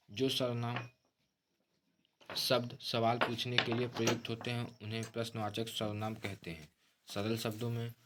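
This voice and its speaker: A man's voice: fairly low pitch, fairly bright tone, a little hiss or hum. A man teaching a grammar lesson, explaining terms steadily and often addressing listeners as friends.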